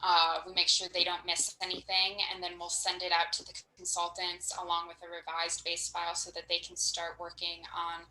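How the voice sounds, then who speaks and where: Brief: woman on a conference call line, bright, roomy echo, faint hiss, even, calm explainer. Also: lowish voice, a little fast, few pauses. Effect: conference call audio. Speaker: planning staff at a design firm. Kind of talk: explaining a permit process on a video call.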